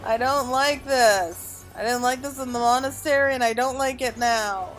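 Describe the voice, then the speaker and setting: Her voice sits high and moves at a normal speed as this let's play host chats casually through her gameplay, rambling and musing aloud. Game music plays behind her, and the recording is rough.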